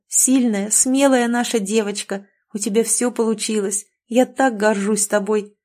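A kind young village schoolteacher speaks tenderly and encouragingly, as a woman reads her part. Her voice is mellow and smooth, measured like a storybook. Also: medium pitch, close to an everyday voice. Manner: tender and praising.

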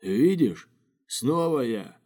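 A man voicing an unflappable hungover male guide who speaks slowly and calmly. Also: mid-range voice, a little hiss or hum, voice pushed up. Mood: cool. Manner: slow, drawling and calm.

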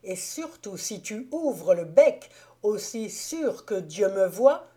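A woman voicing a bold adventurous man who gives gruff, mocking orders in an audiobook. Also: mid-range voice, big pitch swings, slow, mellow. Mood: menacing.

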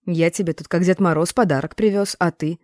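A woman's voice: fairly low pitch, steady tone, fairly quick, a little mellow, dry recording, studio quality, close to an everyday voice. A woman voicing a brash grown man who speaks in blunt slang and teases in an audiobook. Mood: teasing. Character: brash, rough-talking grown man, teasing.

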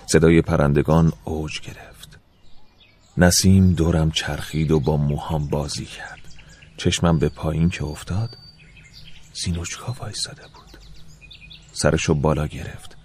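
A man narrating an audiobook in the first person, soft and reflective, with a wistful tone. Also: a bass voice, steady tone, long pauses, a little hiss or hum.

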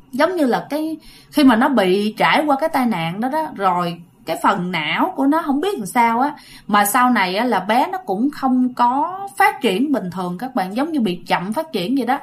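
A woman with a Southern Vietnamese accent casually narrating a ghost story, chatting directly to her listeners. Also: a little high.

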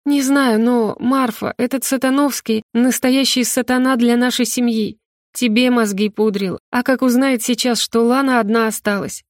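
A woman's voice: fairly high pitch, fairly even intonation, normal speed, dry recording, studio quality, voice pushed up, lightly acted. A woman reading an audiobook voices an anxious, fretful middle-aged mother.

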